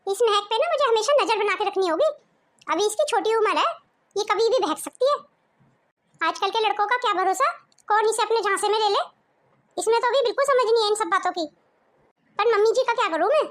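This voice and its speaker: A woman's voice: extremely high pitch, brisk, long pauses, a bit bright. A woman voicing an outspoken, sarcastic young daughter-in-law in a cartoon story. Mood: worried. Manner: sarcastic, quarrelsome.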